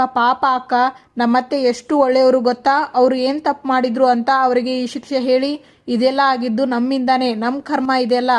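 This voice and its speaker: A woman voicing a despairing young wife who repeats her regrets, in a high, flat voice. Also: lightly acted.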